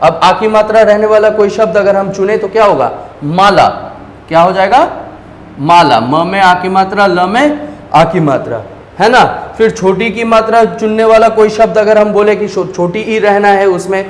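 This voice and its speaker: High-voiced male teacher, echoey room. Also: moderate pace. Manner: patient, asks questions then answers them. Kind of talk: explaining lesson at a board.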